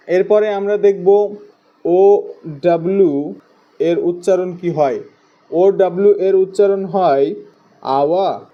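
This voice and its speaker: A man's voice: high-pitched, dark tone, dull audio. A man teaching English grammar who spells words out letter by letter, repeats key terms, and asks the class questions he then answers himself. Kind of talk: spoken grammar lesson.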